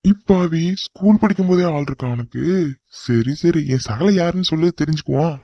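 A man's voice: a little high, expressive, normal speed, mellow, no echo, highs cut off. A man voicing a cocky young man in a cartoon who bossily teases his cousin. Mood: teasing. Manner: bold, bossy teasing. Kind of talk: cartoon voice acting.

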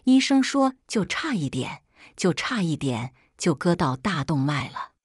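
A woman's voice: lowish voice, very animated, measured pace, breathy edge, no room sound, clean studio sound, exaggerated voice. A woman reading the lines of a cold, scornful young man who is a powerful tycoon, in an icy, contemptuous manner.

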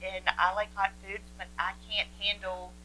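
A woman's voice: medium pitch, little pitch movement, normal speed, sharp tone, slight background noise, low-quality recording. Chatty woman hosting a cooking show. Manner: chatty, explains tips while cooking. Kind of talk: casual cooking demonstration. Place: home kitchen, indoors.

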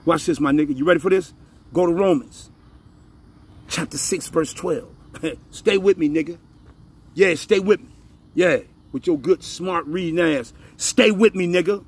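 Repeating phrases and regularly asking if you're with him, a man gives a casual, profane Bible lesson. His voice is a little high with a breathy edge, and he reads the scripture slowly and emphatically.

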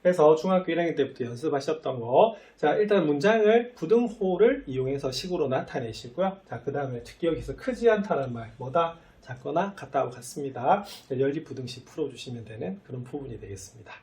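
Male math teacher, slightly high voice, quizzes his students and answers for them, drags out key phrases. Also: lively intonation, brisk, few pauses, darkish tone. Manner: asks the students questions, then answers them himself; often starts sentences with "so" and "well then". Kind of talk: lecture.

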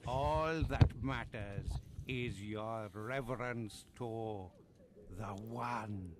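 An actor voicing a mysterious old male cult hermit in a game, speaking slowly and solemnly. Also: on the low side, background noise. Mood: ominous. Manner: slow and solemn.

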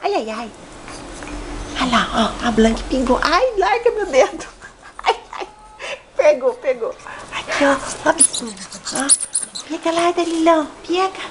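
Woman dog owner, slow sing-song baby talk, steady background noise. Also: high-pitched. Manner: cooing, affectionate pet talk.

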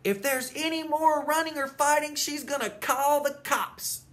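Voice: sits high, unhurried, a bit bright, pitched above the performer's own voice. A reader voicing a stern, fed-up grandmother in a children's book read aloud, hollering and scolding.

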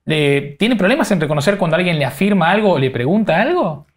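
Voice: mid-range voice, very animated, fast. An interview host with a Rioplatense Spanish accent who rephrases the guest's points aloud, with frequent fillers. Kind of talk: conversational interview.

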